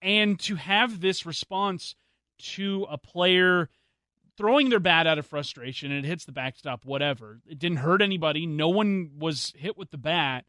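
A man hosting a sports talk show, giving his opinions in animated, casual chat on a studio mic. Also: fairly high pitch, moderate pace, no echo. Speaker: sports radio host.

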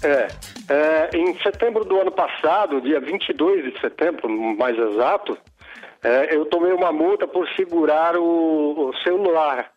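A man's voice: fairly high pitch, unhurried, faint music behind. A male caller heard over the phone on a radio show, telling his complaint hesitantly and stammering over his words. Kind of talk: casual call-in complaint. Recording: dull phone-line sound on a radio show.

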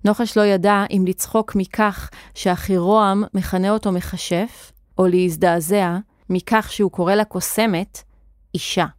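A woman narrates a children's story with clear, expressive storytelling at a middle pitch. The recording is dry and close. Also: no room sound.

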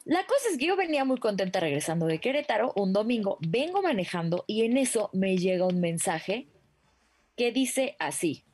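A woman, co-hosting an entertainment show and telling a story in an animated way, with frequent laughter. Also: medium pitch, normal speed, breathy edge. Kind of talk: casual gossip chat.

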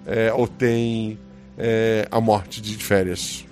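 A man's voice: on the low side, flat delivery, drawn-out words, darkish tone, soft background music. A man with a Brazilian Portuguese accent, hosting a podcast as game master, chatting casually and teasing listeners. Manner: joking, teasing, reads listener comments.

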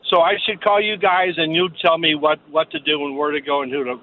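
Radio show caller, male, slightly high voice, tinny phone-line sound, halting and plain. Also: level tone, slight background noise. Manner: plain-spoken, halting with fillers. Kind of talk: casual call-in question.

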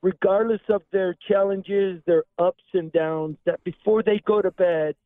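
A man's voice: high-pitched, steady tone, a little slow, no room sound. A man in his sixties calling in to a radio show, speaking earnestly and from the heart over the phone. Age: 60s. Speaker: caller. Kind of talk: call-in radio chat. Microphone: telephone. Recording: tinny phone line.

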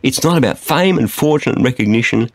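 A man's voice: a little fast, dry recording, studio quality. A man preaching a radio sermon, swinging his voice up and down for emphasis. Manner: animated preaching, dramatic pitch swings on quotes. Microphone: studio microphone.

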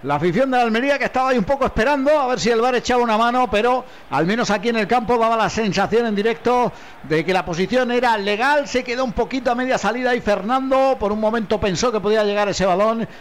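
A man reporting live a football match as pitchside reporter. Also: fast talker.

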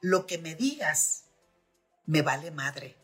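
Woman doing a blunt dad, teasing and crude, bright husky voice. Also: sits low, sing-song, slow, faint music behind, full character voice. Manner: coarse, teasing. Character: blunt, fond older father scolding daughter.

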